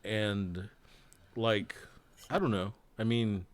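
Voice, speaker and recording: A man's voice: fairly low pitch, fairly even intonation, slow, crowd noise. A man co-hosting a casual chat about board games, joking and laughing often, trailing off mid-thought. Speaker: co-host, board game designer.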